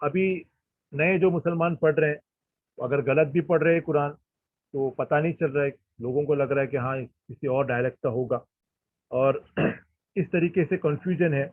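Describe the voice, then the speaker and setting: Husky man lecturing over a tinny line. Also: a little high, moderate pace, no room sound. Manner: explanatory, frequent fillers and throat clearing, mixes in English. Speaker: Islamic history teacher. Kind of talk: informal lecture.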